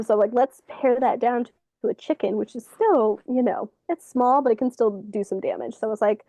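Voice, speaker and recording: A woman author talks casually as a guest, her voice mellow and warm at a middle pitch. She chats loosely and fills pauses with "um" and "like". The sound is dry and close, over a video call. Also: no room sound. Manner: relaxed, chatty, many fillers like "um" and "like". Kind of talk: casual interview chat.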